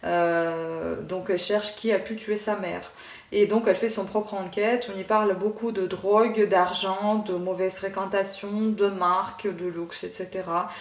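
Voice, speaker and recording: A woman talks through her reading in a chatty, rambling vlog style, often pausing to hesitate. Her voice sounds set back from the microphone, and an echoing room surrounds it. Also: medium pitch, fairly even intonation, far from the mic. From Ukraine. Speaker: book vlogger. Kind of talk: casual book review vlog.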